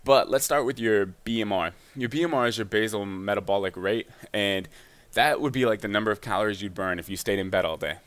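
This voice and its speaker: Fast-talking young man, low voice. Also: clean tone. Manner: fast, energetic and chatty. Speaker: gaming YouTuber giving fitness advice. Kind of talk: casual commentary over gameplay.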